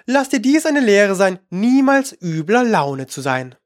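Reader putting on an old toad mother, slow and moralising, storybook. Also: mid-range voice, sing-song, pitched above the performer's own voice. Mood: preachy. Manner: preachy.

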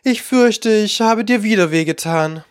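A man's voice: sits high, expressive, measured pace, no echo, studio quality. Man doing a chatty, eager little girl. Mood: eager, coaxing. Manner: eager, coaxing, apologetic. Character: polite, chatty, curious young girl.

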